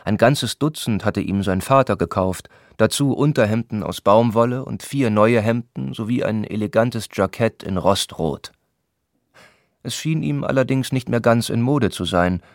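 A man calmly reading a literary novel aloud in a measured, descriptive way. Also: lowish voice, dry recording, clean studio sound. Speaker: audiobook narrator. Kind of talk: scripted literary narration.

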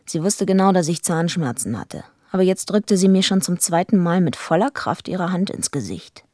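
An actress playing a tough, surly wrestling villainess who tells her own story in a radio play, blunt and deadpan, with a raspy, gravelly voice. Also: lowish voice, moderate pace, no room sound, studio quality. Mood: grim, scornful. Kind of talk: first-person radio play narration.

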